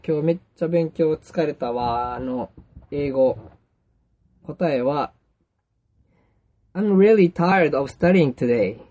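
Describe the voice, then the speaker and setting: A young man with a Kansai accent, hosting a casual solo podcast and chatting in a relaxed way with lots of fillers. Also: on the high side. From Kansai, Japan. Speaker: podcast host.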